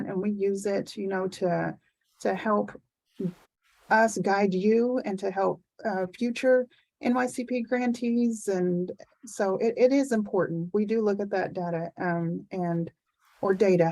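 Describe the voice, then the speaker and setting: A woman's voice: mid-range voice, steady tone, moderate pace, a little mellow, rough recording. A woman grant program officer speaking up in an online meeting, giving earnest, emphatic reminders about deadlines.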